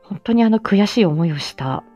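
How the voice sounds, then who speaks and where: Fairly quick and expressive, her medium-pitched voice sounds warm and husky as she hosts a casual live audio chat. This amateur voice drama actress reminisces, fields listener questions and laughs often at herself, with background music on a muffled lo-fi stream.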